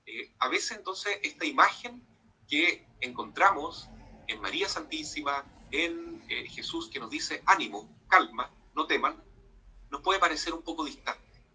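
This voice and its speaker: Bright-toned priest preaching. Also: male voice, a little high, lively intonation, unhurried, slight background noise, low-quality recording. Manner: conversational preaching with frequent tag questions and fillers. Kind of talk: informal sermon-style talk to young people. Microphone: video call microphone.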